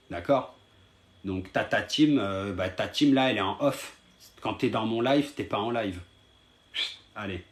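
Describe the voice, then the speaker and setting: A man streaming live and talking to his viewers, scolding them in a heated, repetitive way. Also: fairly low pitch.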